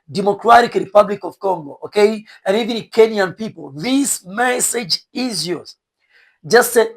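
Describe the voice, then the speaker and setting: A man from Rwanda with a Rwandan accent lectures his viewers directly as an English teacher, earnest and exhorting, often repeating his points. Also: high-pitched. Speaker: English teacher and online content creator.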